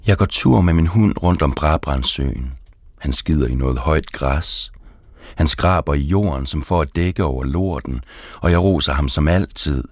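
A man reading his poetry aloud, slow and deliberate. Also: a bass voice, no echo.

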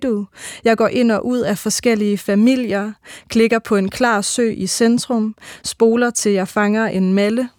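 A woman giving a measured, rhythmic reading of her own first-person literary prose. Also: fairly high pitch, a little mellow, no echo, clean studio sound.

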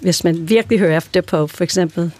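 A woman's voice: on the low side, a little mellow. An older woman from the United States with an American accent, chatting as a guest and telling stories with many fillers and restarts. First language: English. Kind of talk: casual chat.

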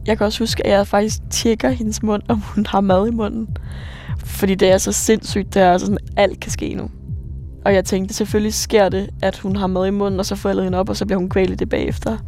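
A woman in her twenties, a bar worker, telling her own story for radio in a halting way, with many fillers and vivid recollection. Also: medium pitch, level tone, vocal fry, warm tone, soft background music. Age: 20s. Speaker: bar worker recounting rescues.

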